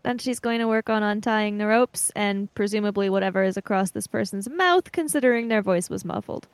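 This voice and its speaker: A woman calmly lays out what her character does in a tabletop game. Her voice sits mid-range and sounds matter-of-fact. The recording is dry. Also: mid-range voice, fairly quick, clear, resonant tone, no room sound. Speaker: player.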